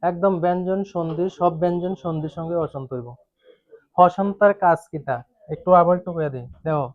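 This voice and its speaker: A man's voice: high-pitched, brisk, no room sound. A man, teaching a grammar class, repeatedly asking students questions and coaxing answers. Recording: dull dry classroom recording.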